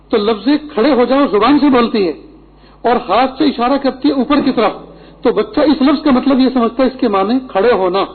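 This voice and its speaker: A man's voice: very high-pitched, breathy edge. A middle-aged man preaching a Friday sermon, earnest and instructive, with Arabic quotations. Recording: tinny phone-like lo-fi recording.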